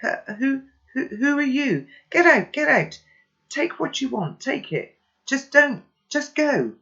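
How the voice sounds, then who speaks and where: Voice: medium pitch, animated, normal speed, highs cut off, pitched above the performer's own voice, natural voice. A reader voicing a terrified teenage girl who shrieks and trembles as she begs.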